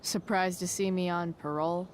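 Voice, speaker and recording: A woman's voice: on the low side, fairly even intonation, moderate pace, a little hiss or hum, close to an everyday voice. A woman voicing a sarcastic, guarded teenage punk girl in a video game, with a casual, dry, hesitant drawl.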